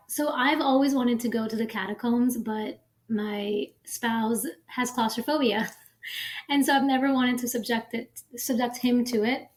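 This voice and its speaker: A woman co-hosting a podcast, chatting casually and eagerly. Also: on the high side. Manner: enthusiastic, gushing. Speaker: podcast co-host. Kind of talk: casual chat.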